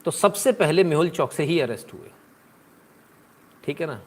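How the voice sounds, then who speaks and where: A man on a live stream who talks through the news with plenty of sarcasm. He chats loosely and answers his viewers' comments along the way. His speaking voice sits somewhat high for a man. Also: animated, normal speed, slightly rough.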